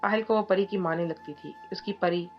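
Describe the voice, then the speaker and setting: A woman narrating a romantic novel in a steady storytelling manner. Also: medium pitch, brisk. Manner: steady storytelling, reading all parts in her own voice. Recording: dull lo-fi audio with soft music behind.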